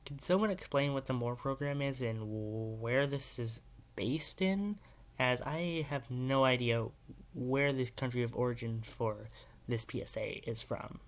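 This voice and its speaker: Slow, hesitant man reacting to a video. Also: mid-range voice. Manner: rambling, hesitant, full of filler words. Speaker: YouTube reaction host. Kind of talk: casual video reaction commentary.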